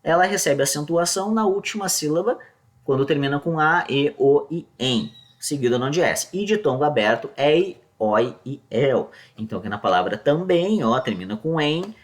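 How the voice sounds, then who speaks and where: A man's voice: on the high side, expressive, moderate pace. A man giving a casual exam-prep grammar lesson, often checking in with the class as he explains. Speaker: teacher.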